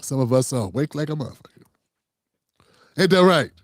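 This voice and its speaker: Brisk and expressive, the commentary host speaks in a mid-range voice on a dry recording. He runs his own show, talking politics casually, swearing, wandering off on tangents and calling the audience "fam."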